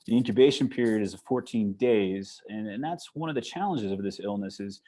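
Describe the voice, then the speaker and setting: A man with a Long Island accent, from New York, giving a fast-paced online talk as a psychologist, with frequent fillers and restarts. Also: lowish voice, warm tone. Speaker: guest speaker, psychologist. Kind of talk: online presentation. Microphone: video call.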